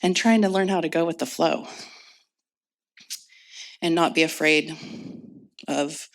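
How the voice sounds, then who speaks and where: Low-voiced woman reading her poetry. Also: measured pace, vocal fry. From Indianapolis, United States. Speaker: poet reading her work. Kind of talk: live reading and talk before an audience. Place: event space with an audience.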